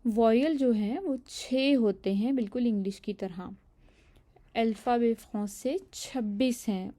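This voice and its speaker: A woman's voice: a little high, mellow. A woman teaching a language lesson, explaining pronunciation patiently and step by step.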